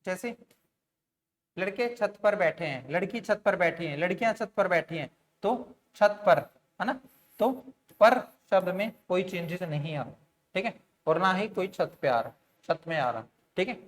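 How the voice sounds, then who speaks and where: A man with a high-sitting, expressive voice teaches an online grammar lesson at a moderate pace. He explains step by step, often questions his students, and sprinkles in fillers like "theek hai" and "bhai."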